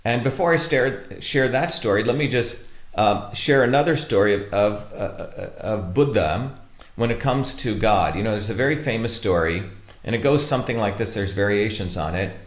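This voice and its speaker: Lower-voiced man, halting lecture, roomy echo. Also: lively intonation. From India. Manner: halting, many fillers and restarts. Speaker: speaker presenting a talk. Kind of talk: informal lecture with storytelling.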